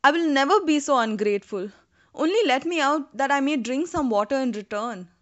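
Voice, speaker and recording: A woman's voice: sits high, lively intonation, brisk, voice pushed up. A woman voicing a fierce, treacherous male tiger in a folktale reading. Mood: pleading. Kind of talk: storybook reading. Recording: dull lo-fi recording.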